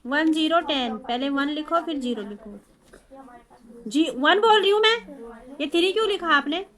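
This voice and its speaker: A woman's voice: high-pitched, expressive, normal speed, fairly bright tone. A woman tutoring a small child, talking in a coaxing way and repeating simple questions. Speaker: home tuition teacher.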